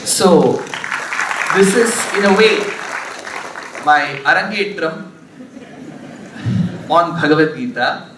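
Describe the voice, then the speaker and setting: A high-voiced man whose first language is Tamil gives a spiritual discourse before an audience in a large, echoey hall, a crowd audible in the background. He's animated yet slow, measured, and formal, using scriptural terms. The mic is distant, with faint hiss.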